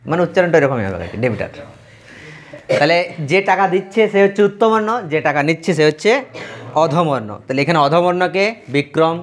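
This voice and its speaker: A man from teaches a math class, and his voice sits a little higher than most men's. He speaks straight to his students, going over each key term again and again. He keeps asking them questions and then answering them himself.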